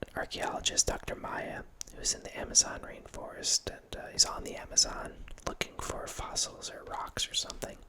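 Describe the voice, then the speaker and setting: Whispering at normal speed with few pauses, a man in his thirties hosts a casual, rambling ASMR horror film talk. He's close to a studio mic with headphones in a small home room, frequently restarting sentences and correcting himself.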